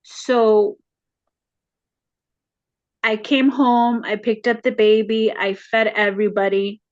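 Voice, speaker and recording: A woman as a counseling client, retelling a home conflict haltingly with many fillers, her voice rising when upset. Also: medium pitch, little pitch movement, no room sound, dull audio. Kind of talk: emotional retelling in a counseling session.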